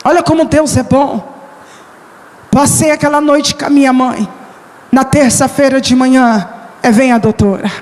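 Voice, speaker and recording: A woman missionary preaching a testimony in a very high voice. She pours out emotion, draws phrases out slowly and rises to shouts at the big moments. The sound carries a long reverb from a church hall. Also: steady tone. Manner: emotional, shouting at peaks, slow drawn-out phrases. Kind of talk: sermon testimony.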